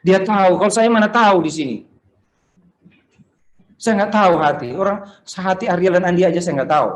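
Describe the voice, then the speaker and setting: Animated preacher in an echoey room. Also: male voice, high-pitched, fairly quick. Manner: animated storytelling with acted dialogue. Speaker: pastor. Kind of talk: sermon.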